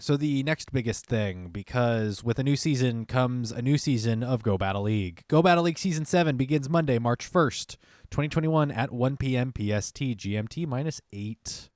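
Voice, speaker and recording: A man's voice: medium pitch, moderate pace, no room sound, clean studio sound. A young man co-hosting a podcast in casual chat, reading announcements aloud and adding side comments. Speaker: podcast co-host.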